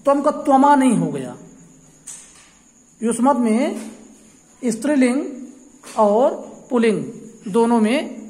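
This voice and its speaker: A woman's voice: on the high side, lively intonation, slow pace, long pauses, darkish tone. A woman teaching a grammar lesson, explaining patiently and asking questions that she answers herself. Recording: echoey room with long reverb.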